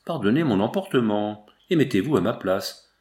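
A man's voice: on the low side, expressive, moderate pace, a little mellow, natural voice. A man reading the lines of a proud, grieving medieval prince in an audiobook, in a declamatory, pleading manner. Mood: proud, indignant.

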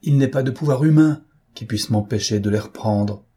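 A man voicing a proud, defiant gentleman thief in an audiobook, mocking and self-assured. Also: medium pitch, normal speed, breathy edge, natural voice. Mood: forceful. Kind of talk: audiobook character reading.

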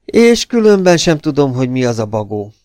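A man's voice: mid-range voice, big pitch swings, darkish tone, no echo, clean studio sound, pitched above the performer's own voice, natural voice. A man voicing a composed, prim young woman who answers with cutting politeness in an audiobook reading. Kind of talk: audiobook character voice.

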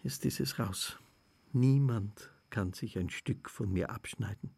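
A man playing a dead older shop owner in a literary radio drama. He broods and often sinks into hushed whispers. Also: on the low side, a little slow, vocal fry, husky, no echo, exaggerated voice. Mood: bitter.

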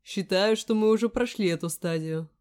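A woman voicing a charming young man with a velvety, mellow voice who talks in an easygoing, teasing way. He sounds amused and relaxed, as in a romance audiobook. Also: on the low side, a little fast, lightly acted. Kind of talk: audiobook character voice.

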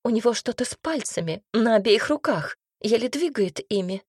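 A woman's voice: a little high, lively intonation, moderate pace, darkish tone, breathy edge, no room sound, studio quality. A woman voicing a worried woman singer in an audiobook, sighing and pleading. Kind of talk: audiobook character reading.

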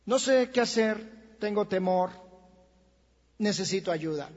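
A man with a Colombian Spanish accent preaching a sermon in a church, impassioned, swinging from quiet talk to shouting. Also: high-pitched, expressive, slow. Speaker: pastor. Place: church hall. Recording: lo-fi church recording with long reverb.

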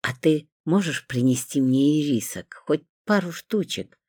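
An audiobook reader voicing a plump, tearful psychiatric patient who pleads in a plaintive, childlike way, with a lively delivery. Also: medium pitch, measured pace, no echo, studio quality. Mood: pleading. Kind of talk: audiobook character reading.

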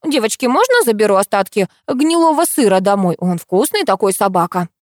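A woman voicing a touchy, grumbling older aunt who speaks slowly and sounds offended, in an audiobook. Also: medium pitch, very animated, no echo, studio quality, close to an everyday voice.

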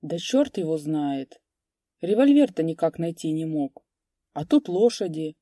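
A woman's voice: low-pitched, big pitch swings, unhurried, warm tone, no echo, clean studio sound, full character voice. A woman voicing a flustered rural police constable who mumbles and stammers.

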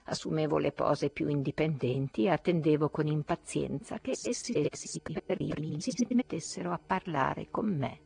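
A woman narrating a literary audiobook in a slow, hushed, dramatic way. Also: deep voice, creaky, husky. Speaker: audiobook reader.

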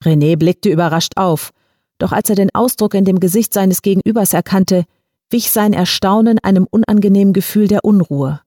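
A woman reading a short story aloud in a measured, even storytelling manner. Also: mid-range voice, no echo, clean studio sound. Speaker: audiobook reader. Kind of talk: scripted story narration.

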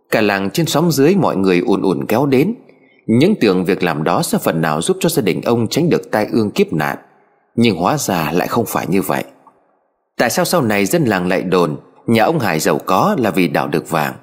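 A man narrating a story in a measured, dramatic way. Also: fairly low pitch, husky. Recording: faint background music. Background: faint music.

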